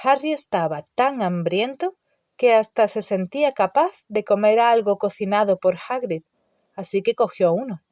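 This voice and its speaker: A woman narrating an audiobook in a measured, expressive storytelling way. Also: medium pitch, dry recording, studio quality.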